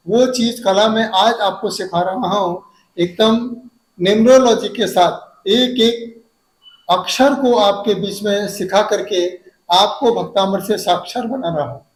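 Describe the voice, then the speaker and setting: Monk teacher, high voice, unhurried, drawn-out verse syllables with quick asides, echoey room. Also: male voice. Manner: stretches verse syllables slowly, then explains in quick asides. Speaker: Jain monk teaching hymn recitation. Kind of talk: devotional recitation lesson.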